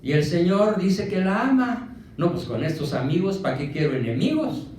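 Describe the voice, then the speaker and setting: This Mexican-accented man gives an emphatic motivational talk, peppering listeners with rhetorical questions. He has a high-pitched, darkish voice with big pitch swings and a moderate pace. Captured by a far-off mic in an echoey space, the audio carries slight background noise.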